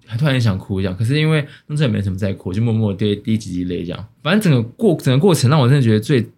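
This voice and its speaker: A young man with a Taiwanese Mandarin accent, co-hosting a casual podcast chat, rambling with many restarts and quick laughs. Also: lowish voice, very animated, darkish tone, husky. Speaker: podcast co-host.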